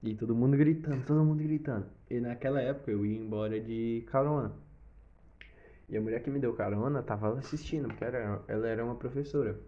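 Animated Brazilian young man telling a story. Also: medium pitch, quick pace. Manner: animated, with swearing and sound effects. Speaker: vlogger telling a personal story. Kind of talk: casual storytelling. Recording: slightly dull lo-fi recording.

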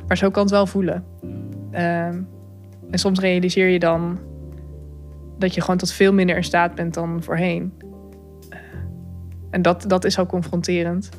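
A woman telling her own story, thoughtful and candid, pausing with fillers and small laughs. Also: fairly low pitch. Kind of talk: personal account, reflective.

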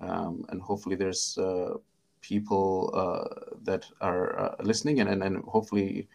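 Indian man, middle-aged, low gravelly voice, halting self-deprecating interview storyteller. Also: flat delivery. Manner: halting, many fillers and restarts, warmly self-deprecating. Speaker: guest, psychiatrist.

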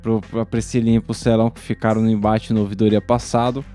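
A man hosting a casual podcast, throwing in quick jokes and introducing a listener's message. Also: on the low side, flat delivery, mellow, faint music behind. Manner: quick joking interjections. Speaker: podcast host. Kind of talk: casual chat.

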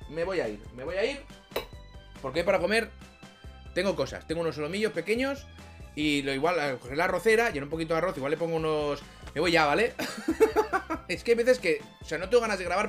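A man's voice: high voice, fairly bright tone. A man from chatting casually in a rambling, self-mocking way, swearing often as he wraps up a vlog. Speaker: YouTuber.

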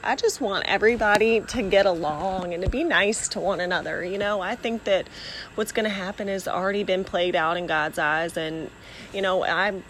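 A woman's voice: mid-range voice, fairly bright tone. Earnest woman talking casually outdoors, background noise. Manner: earnest, informal. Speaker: podcast host and barrel racer. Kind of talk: casual encouraging talk to followers. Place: outdoors, near dogs and horses.

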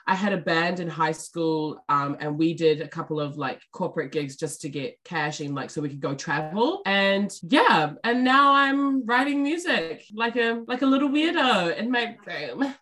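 In a casual interview, a young New Zealand woman, a musician, chats with a jokey, bubbly energy, laughing readily and leaning on fillers. Her voice is on the low side with a fairly bright tone, and she keeps a moderate pace.

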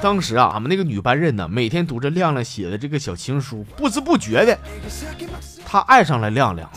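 A man with a Northeastern Mandarin accent rattles off comic anecdotes as a radio host. His pitch swings wildly and his pace is brisk, with teasing punchlines, over faint background music. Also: huge pitch swings, fairly bright tone. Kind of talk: comic storytelling.

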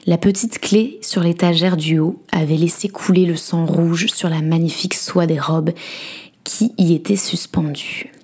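A woman host reading a dark fairy tale aloud in a soft, breathy, often whispered storytelling voice. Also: lowish voice, steady tone, measured pace. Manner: hushed, dramatic.

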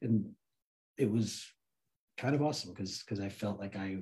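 The interview guest, an American who works in film and grew up in Santa Cruz, California, speaks at a moderate pace in a lowish voice. He relates a personal story casually, bringing quoted lines to life by acting them out.

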